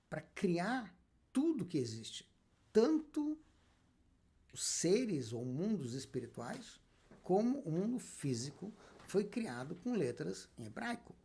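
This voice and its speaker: Man, rabbi, lecture, raspy voice, swooping pitch. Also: dark tone. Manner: emphatic, asks and answers his own questions. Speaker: rabbi teaching Kabbalah. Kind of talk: spoken lecture.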